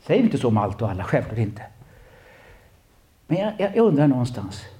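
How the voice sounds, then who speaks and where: A man with a Swedish accent preaching a sermon, repeating himself and swinging between loud calls and quiet asides. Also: medium pitch, very animated.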